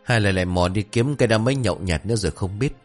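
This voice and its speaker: A man voicing a shrill, exasperated village wife who scolds her husband. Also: fast talker, soft background music, lightly acted. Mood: grumbling.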